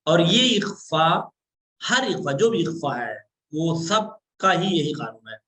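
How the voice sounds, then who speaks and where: Patient man teaching recitation slowly. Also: on the high side, very animated, sharp tone. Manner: patient, explains step by step and checks understanding; slows down and draws out sounds to demonstrate recitation. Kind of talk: online class lesson.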